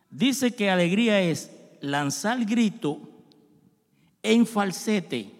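A man preaches a sermon in short bursts, leaving gaps for his interpreter. His voice sits fairly high, and he keeps the tone playful and full of jokes. A long church-hall reverb trails every phrase. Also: lively intonation. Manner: playful, joking preacher who pauses for the interpreter. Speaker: pastor. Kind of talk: bilingual sermon with live interpreting.

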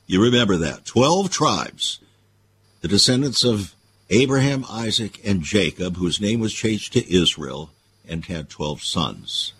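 A man's voice: lowish voice, animated, unhurried, a bit bright, husky. A man hosting a radio show, giving preachy Bible-based commentary full of rhetorical questions.

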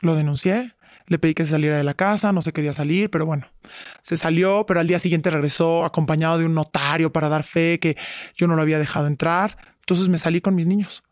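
A woman's voice: deep voice, steady tone, fast talker, darkish tone, dry recording, clean studio sound. A middle-aged woman, a guest giving earnest personal testimony and acting out past arguments. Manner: earnest, retells quarrels by acting out both sides. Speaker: interview guest.

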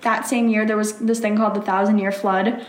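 A woman's voice: mid-range voice, level tone, a little fast. A young woman, a college student from the Philadelphia area, chatting casually as an interview guest, giggly and full of fillers. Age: young adult. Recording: roomy sound with faint noise.

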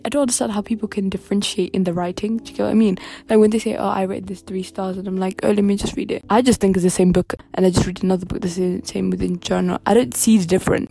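A woman in her late teens talks on her own podcast at home, rambling from one thought to the next and giggling as she goes. Her voice is warm and dark, with plenty of vocal fry. Faint music sits under her voice. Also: medium pitch. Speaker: podcast host. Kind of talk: casual solo podcast chat.

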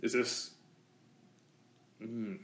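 A man's voice: on the low side, steady tone, extremely slow, a bit bright. A man co-hosting a podcast, chatting casually and chiming in with short agreements in an easygoing way. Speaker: podcast co-host. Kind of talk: casual chat. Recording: roomy echo.

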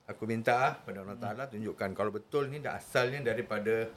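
A man's voice: on the low side, fast talker, crowd noise. A man telling a casual story, repeating phrases and acting out both sides of conversations. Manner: repeats phrases, re-enacts dialogue. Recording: faint background noise.

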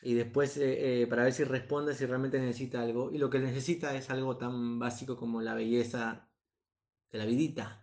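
Un hombre con acento que analiza una canción en tono falsamente solemne, pensando en voz alta con pausas y titubeos. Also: male voice, mid-range voice, flat delivery, darkish tone. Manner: slow, halting, mock-earnest musing with restarts. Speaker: panelist on a parody radio show. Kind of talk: mock-serious song analysis.

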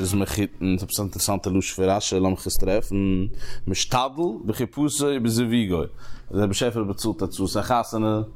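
A man teaching a Talmud lesson, explaining the text in halting phrases that he repeats and restarts. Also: fairly low pitch, a little mellow.

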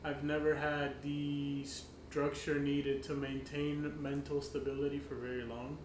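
A man speaking in casual podcast chat in a flat, subdued way. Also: a little high, unhurried. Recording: echoey room, clear background noise.

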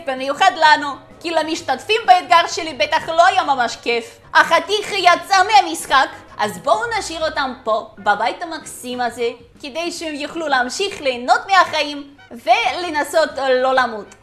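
Very high-voiced woman teasing game characters. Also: a bit bright. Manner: teasing, chatty, questions the game characters directly. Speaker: game narrator. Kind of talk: playful let's-play commentary.

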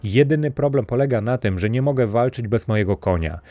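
A man voicing a gentle, earnest young prince who speaks calmly and courteously. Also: medium pitch, brisk, soft background music, pitched above the performer's own voice, natural voice. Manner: calm, courteous and sincere.

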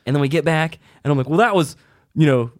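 A man's voice: fairly high pitch, fast talker, no echo, clean studio sound. A man co-hosting a casual comedy chat, telling a story in a profane, self-mocking way and acting out the voices he quotes. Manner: animated, acts out quoted voices. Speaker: podcast co-host, aspiring comedian. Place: indoors in a house.

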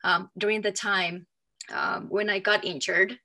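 Woman, 30s, Finnish accent, Finnish native speaker, interview guest, bright voice, thinks aloud. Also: medium pitch, fairly even intonation, a little slow. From Finland. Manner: loose, many fillers, thinks aloud. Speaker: guest, authenticity coach. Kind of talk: casual interview chat.

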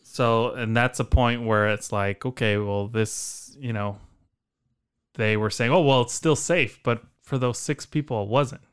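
Smooth-voiced laid-back man. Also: medium pitch, a little slow. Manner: laid-back, short agreeing replies. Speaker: podcast co-host. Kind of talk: casual chat.

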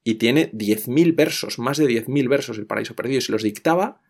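Male podcast guest, mid-pitched voice, animated explainer who often restarts his sentences. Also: a little fast, vocal fry. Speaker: literature guest explaining a classic.

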